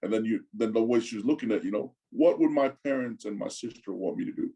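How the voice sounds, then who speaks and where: A man's voice: on the low side, dark tone, breathy edge, low-quality recording. A man in his forties from Tonga, talking casually as an interview guest, often stopping to repeat words and tacking "man" onto his sentences. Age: 40s. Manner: halting, repeats words, says "man" a lot.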